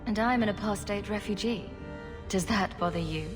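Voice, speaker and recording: An actress voices a female human hero, a refugee apostate mage, speaking earnestly and directly. Her medium-pitched voice moves at normal speed and sounds close to everyday speech. It's video game voice acting with a game music score behind it.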